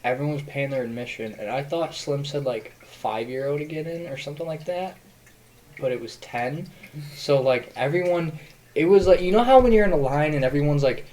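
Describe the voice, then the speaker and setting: A man's voice: fairly high pitch, fairly quick, warm tone, poor audio. A young man hosting a podcast, telling a rambling story in casual chat with many fillers. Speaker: podcast host.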